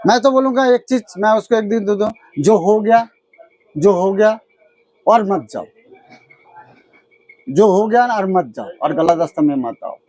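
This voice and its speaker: A man's voice: sits high, animated, a little slow, long pauses, darkish tone, dry recording. A man who runs an idol workshop, speaking with a Chhattisgarh accent in an earnest, insistent way and often repeating himself. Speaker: idol maker and shop owner. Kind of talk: casual interview.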